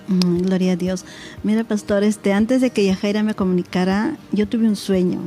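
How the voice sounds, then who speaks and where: A woman's voice: medium pitch, fairly even intonation, normal speed, dark tone, soft background music. A middle-aged woman with a Peruvian accent, a mother giving her testimony on a church talk show and acting out remembered dialogue. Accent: Peruvian Spanish. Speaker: interviewed mother.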